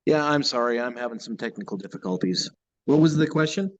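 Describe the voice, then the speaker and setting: A man's voice: medium pitch, animated, fairly quick. A man joining a public meeting remotely, giving brief, apologetic replies while his audio glitches and cuts out over the call. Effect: glitching, cutting-out audio from a remote call connection. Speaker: police department representative at a public meeting. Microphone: remote call connection.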